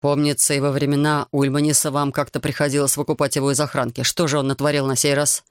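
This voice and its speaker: A man voicing a stern, influential host who questions his visitor in a measured, probing way. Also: a little high, level tone, clean tone, no echo, clean studio sound, natural voice.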